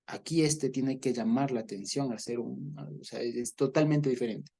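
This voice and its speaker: A man's voice: mid-range voice, moderate pace, creaky, dark tone, husky. A man teaching a Bible study, explaining at length, repeating words and checking in with listeners.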